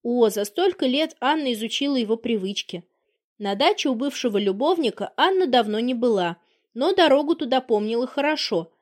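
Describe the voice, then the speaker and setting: A woman narrating an audiobook with an even, storytelling delivery. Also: a little high, a little fast. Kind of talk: scripted narration.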